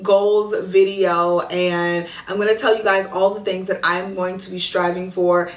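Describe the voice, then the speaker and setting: Energetic woman vlogger in an echoey room. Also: lowish voice, measured pace, distant mic. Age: 30s. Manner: energetic and chatty, hyping viewers up. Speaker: lifestyle vlogger. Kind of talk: upbeat direct-to-camera vlog chat. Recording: echoey room with faint music.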